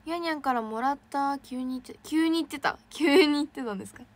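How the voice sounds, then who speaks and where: A young woman, an idol trainee, chatting casually on a livestream and reacting excitedly to fan messages. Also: high-pitched, fast talker. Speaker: idol trainee streaming to fans.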